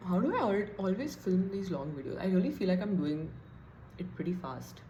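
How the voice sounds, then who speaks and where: A woman's voice: lowish voice, lively intonation, normal speed, dark tone, slight background noise. A young woman vlogger casually chatting and thinking aloud while doing her makeup, a bit self-deprecating. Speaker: beauty vlogger. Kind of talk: casual get-ready-with-me chat. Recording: echoey room.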